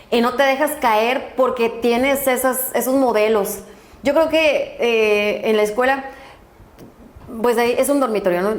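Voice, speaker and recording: A middle-aged woman with a Mexican accent, a guest telling lively stories from her life and acting out the voices in them. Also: a little high. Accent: Mexican Spanish. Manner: lively, laughing storyteller who acts out voices. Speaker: guest, doctor and school director. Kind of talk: storytelling interview. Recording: echoey room.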